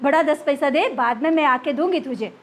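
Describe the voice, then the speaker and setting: A woman's voice: high voice, brisk, voice pushed down, natural voice. Woman voicing a coaxing patient mother.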